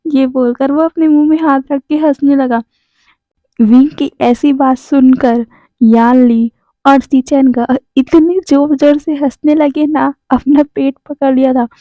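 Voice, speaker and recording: A woman's voice: high voice, steady tone, unhurried, dry recording. A woman casually retelling a fan fiction story in a chatty way, speaking straight to her listeners. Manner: chatty, addresses listeners directly. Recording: dry, dull lo-fi sound.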